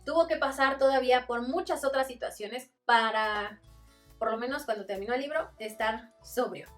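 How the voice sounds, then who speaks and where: A woman's voice: fairly high pitch, moderate pace, a bit bright, far from the mic, soft background music. A woman with a Mexican accent, chatting casually in a book review vlog and acting out little quoted exchanges. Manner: chatty, acts out quotes with voices.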